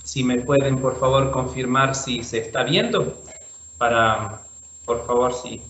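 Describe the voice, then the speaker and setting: Priest on a roomy video call. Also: male voice, mid-range voice, unhurried, slight background noise. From Chile. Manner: relaxed, thinks aloud with fillers and restarts. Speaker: priest giving a talk. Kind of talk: online talk with slides.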